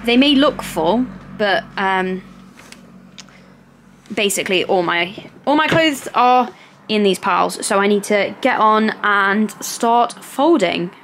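A woman's voice: mid-range voice, slow pace, a bit bright, slight background noise. A woman in her twenties chatting casually to camera in a small bedroom, upbeat and full of fillers. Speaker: lifestyle vlogger. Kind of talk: casual vlog chat to camera. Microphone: camera mic at close range.

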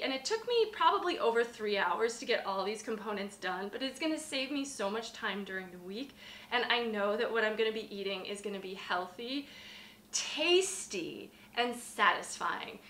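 An upbeat woman in her thirties talks straight to the camera, her voice bright and a touch high. She explains things with easy warmth as a dietitian host. The sound carries the echo of a hard-surfaced home kitchen. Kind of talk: friendly cooking explainer. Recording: echoey kitchen.

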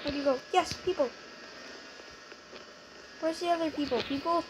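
A woman's voice: high-pitched, moderate pace. Chatty young gamer girl, noisy audio. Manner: excitable, chatty, easily startled. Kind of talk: casual gameplay commentary. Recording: noisy home recording.

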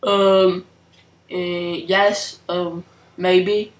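A woman's voice: fairly low pitch, little pitch movement, drawn-out words. A woman voicing Goyle, a timid, hesitant male henchman in an amateur brick-film cartoon, stammering through his lines. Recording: echoey room, faint hiss.

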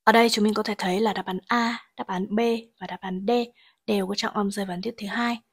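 A woman teaching English grammar and pronunciation, explaining each exam answer and reading English sentences slowly before translating them. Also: mid-range voice, steady tone, breathy edge.

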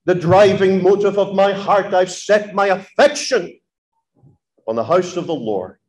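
A man's voice: sits high, expressive, a little slow, darkish tone, reverberant, pitched above the performer's own voice, poor audio. A male preacher voicing King David as an earnest, resolute, devoted man.

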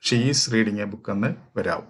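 A man from Kerala, walking through exam questions as a teacher, reading each question slowly and explaining at length with fillers. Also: on the low side, breathy edge. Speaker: English teacher for exam prep. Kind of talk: exam question walkthrough lesson.

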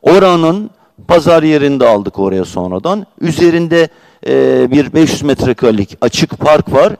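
A man's voice: a little high, animated, moderate pace, creaky, a little mellow, dry recording. A man speaking as a district mayor in a city council chamber, giving an indignant, emphatic speech and talking over interruptions.

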